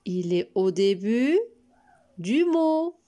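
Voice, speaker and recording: A woman teacher giving a recorded lesson to young children, spelling out letters and syllables slowly and praising often. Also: medium pitch, sing-song, mellow. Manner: slow and carefully spelled out, encouraging. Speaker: preschool teacher.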